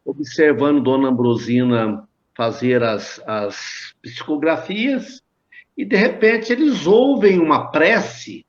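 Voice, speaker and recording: Study group speaker, brazilian man, fairly high voice, muffled lo-fi sound, reads passages and explains. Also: animated, takes it slowly. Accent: Brazilian Portuguese. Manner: thoughtful, reads passages aloud.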